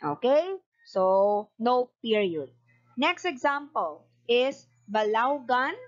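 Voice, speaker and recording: A woman's voice: on the high side, expressive, slow pace, muffled recording. A woman teaching a lesson, methodically dictating punctuation and spelling item by item and explaining each step. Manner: repetitive, methodical. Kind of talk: instructional lesson, explaining citation format step by step.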